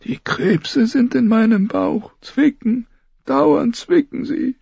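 A man voicing a frail, dying old lord who speaks in a thin, trembling whisper with halting, wandering sentences, in an audiobook reading. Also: very high voice, vocal fry, darkish tone, husky, no echo, highs cut off, voice pushed up, full character voice. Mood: feeble.

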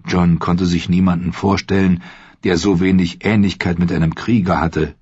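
A man giving scripted audiobook narration, calm and measured. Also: deep voice, breathy edge, no echo, lo-fi sound.

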